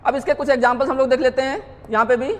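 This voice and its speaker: A man's voice: very high voice, steady tone, very fast, big-room sound. A man teaching an exam-prep grammar lesson, explaining step by step by asking rhetorical questions and answering them himself, with frequent checks that students are following. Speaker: English grammar teacher at a coaching class.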